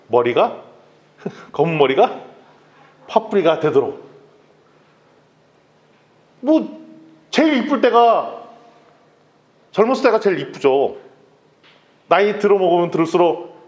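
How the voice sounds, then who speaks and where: A man preaching a sermon as pastor, telling stories and acting out quoted dialogue. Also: sits high. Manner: lively storytelling, acts out quoted dialogue.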